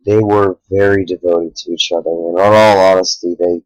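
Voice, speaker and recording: Tired young man with a deep low voice. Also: steady tone, dry recording, soft background music, rough recording. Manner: earnest, halting, with restarts and sighs. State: tired, yawning late at night. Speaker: small YouTuber. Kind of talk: sincere direct-to-camera talk.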